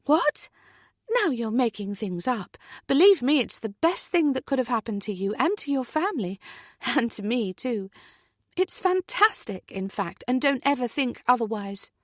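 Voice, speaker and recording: A woman voicing a brisk, upbeat female friend who speaks firmly and emphatically. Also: a little high, lively intonation, no room sound, clean studio sound, voice pushed up. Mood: firmly reassuring. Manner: firm, emphatic.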